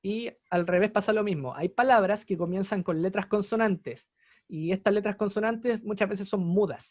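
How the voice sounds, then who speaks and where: Young chilean guy teaching english online, high voice, patient, goes over examples again, dull dry audio. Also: normal speed, no echo. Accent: Chilean Spanish. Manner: patient, explanatory, repeats examples. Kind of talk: online class explanation.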